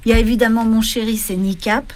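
A woman panelist giving recommendations in casual radio chat, halting as she searches for words. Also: a little high, steady tone.

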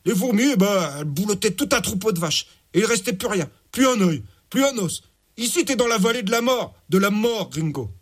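A man voicing a crude, slow-witted thug who talks in slang and mocks his captive. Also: high-pitched, expressive, breathy edge, voice pushed up. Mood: mocking. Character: dim-witted crude male desert thug.

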